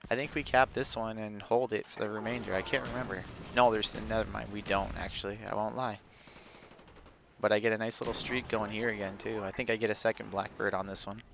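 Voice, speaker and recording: Laid-back gravelly young man commentating. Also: lowish voice, noisy background. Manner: laid-back, rambling, frequent fillers. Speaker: gameplay commentator. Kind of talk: casual gameplay commentary.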